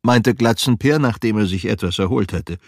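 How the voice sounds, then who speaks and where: A man narrating a children's story as an audiobook, expressive and lively with big dynamic shifts. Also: on the low side, normal speed, dry recording, clean studio sound.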